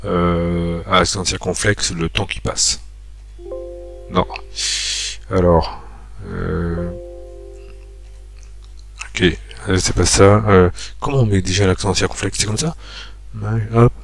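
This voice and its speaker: A man giving a screen-recorded spreadsheet tutorial, thinking aloud with many pauses and fillers as he talks viewers through each step. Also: low-pitched, little pitch movement, creaky, soft background music.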